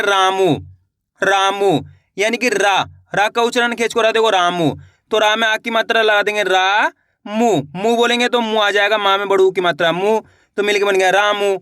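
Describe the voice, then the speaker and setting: A man's voice: high-pitched, flat delivery, fast, pushed and bright, no room sound, clean studio sound. A man teaching beginners to write, saying each word twice, asking the viewer to repeat it and drawing out every syllable. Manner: draws out sounds syllable by syllable; addresses viewers as friends. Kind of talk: spoken writing lesson for beginners.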